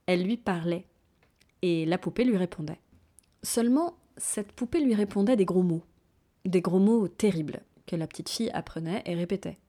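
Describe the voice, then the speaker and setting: A woman narrating a bawdy fairy tale in a lively, playful storytelling manner. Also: on the low side, moderate pace.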